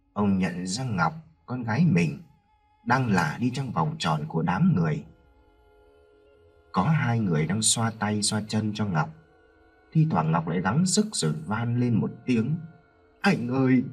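Man, horror story narrator, dramatic, lively pitch, faint music behind. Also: slightly rough.

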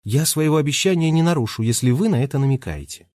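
A man's voice: fairly high pitch, expressive, quick pace, darkish tone, dry recording, studio quality, pitched above the performer's own voice, lightly acted. Man doing Daisy, a pelican-shifter girl.

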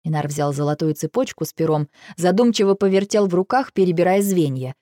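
A woman narrating a first-person fantasy audiobook in an even, measured storytelling manner. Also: fairly low pitch, dry recording, studio quality.

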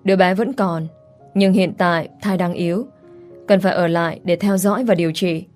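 A woman reading the lines of a male hospital doctor in a storybook, calm and matter-of-fact. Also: on the low side, normal speed, soft background music, natural voice.

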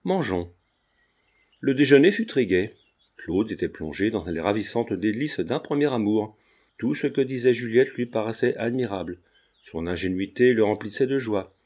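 A man reading a novel aloud as an audiobook, in measured scripted narration. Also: lowish voice, a little mellow. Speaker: audiobook reader.

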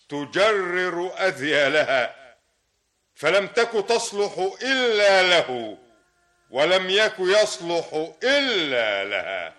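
A court poet from an old radio drama, reciting praise verse in slow, solemn declamation. His voice sits a bit high and rises and falls grandly on each line. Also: fairly bright tone, heavily acted. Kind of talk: classical Arabic radio drama.

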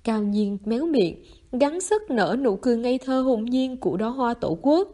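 A woman narrating a novel in a steady storytelling manner, as an audiobook reading. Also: on the high side, normal speed.

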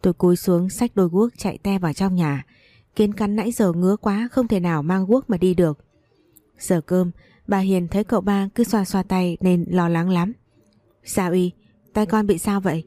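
Woman storyteller, mellow low voice. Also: normal speed, no room sound. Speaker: narrator. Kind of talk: first-person storybook narration.

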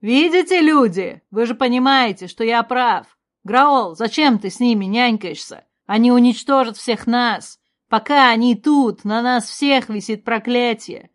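A woman reading aloud voices a hostile young man who loudly and scornfully accuses others. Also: on the high side, animated, normal speed.

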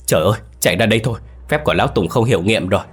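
A man's voice: lowish voice, expressive, very fast, slightly rough, faint music behind. A man voicing a terrified woman screaming in panic as she flees. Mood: panicked. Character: terrified woman fleeing corpse spirits.

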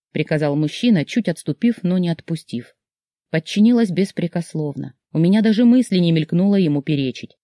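Audiobook reader, first-person story, warm mellow tone, dry close sound. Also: mid-range voice, dry recording. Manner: expressive, emotional storytelling. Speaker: audiobook narrator. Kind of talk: first-person scripted narration.

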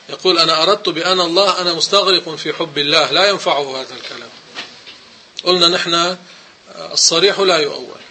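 A man's voice: fairly high pitch, pushed and bright, slight background noise. A man giving a religious lesson, commenting on a text and firmly correcting wrong sayings. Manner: emphatic, corrective explaining. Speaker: religious teacher.

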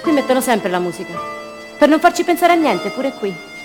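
In a poetic, intense radio drama monologue, an actress voices a fragile, impulsive woman who is wildly in love, her words full of repetition and swinging from rapture to hush. Her voice is high and quick with wide pitch swings, heard over music. The mood is wistful yet insistent.

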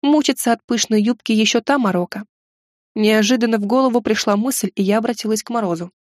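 A woman's voice: fairly high pitch, fast talker, dry recording, studio quality. Woman reading a wry fantasy audiobook. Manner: wry, ironic storytelling. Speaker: audiobook narrator.

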